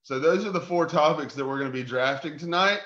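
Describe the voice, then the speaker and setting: Co-host on a bad connection. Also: male voice, a little high, a little fast, a bit bright. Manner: upbeat, laying out the game rules. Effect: bad connection, cutting out. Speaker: podcast co-host. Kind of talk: casual sports podcast chat. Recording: dull, echoey remote call audio.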